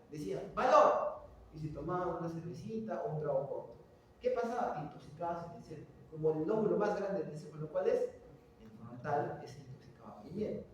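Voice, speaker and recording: A middle-aged man teaches in a large, echoey room, heard from some distance away from the mic. His voice sits a little high for a man, and he keeps quizzing his listeners with quick questions. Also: slight background noise. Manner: animated, quizzing students with rhetorical questions. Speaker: lecturer. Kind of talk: classroom lecture. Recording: echoey hall, voice from far off.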